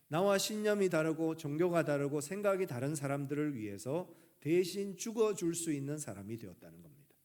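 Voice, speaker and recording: A male pastor from the Gyeongsang region preaching a sermon earnestly, letting his sentence endings fall soft and quiet. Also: on the high side. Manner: earnest, trailing off softly at sentence ends.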